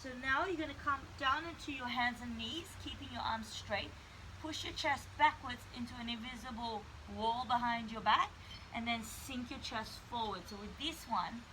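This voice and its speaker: High-pitched woman coaching stretches, noisy background. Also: normal speed. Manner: explanatory, step-by-step coaching. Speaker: stretch class instructor. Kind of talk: guided stretching workout instruction.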